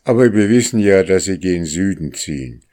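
A man's voice: deep voice, animated, moderate pace, dark tone. Bataki, a man doing a wise old raven. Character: wise old male raven, calm guide.

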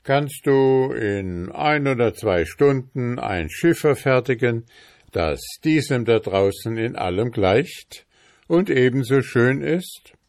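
A man voicing a scheming old king in a storybook reading, speaking in a measured, commanding way. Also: medium pitch, expressive, darkish tone, voice pushed up.

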